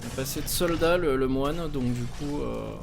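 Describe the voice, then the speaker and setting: A man's voice: medium pitch, normal speed, vocal fry. A man giving live, rambling commentary while he plays a video game, with lots of fillers and pained cries when he gets hit. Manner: rambling and casual, with many fillers and pained exclamations. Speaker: streamer. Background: game music.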